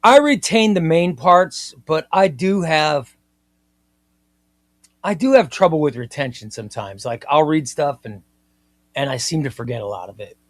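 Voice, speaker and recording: A man in his fifties hosts a comic book livestream, reading viewer comments in casual, enthusiastic chat and often repeating himself. His voice is a little high with lively intonation and a moderate pace, in a dry recording.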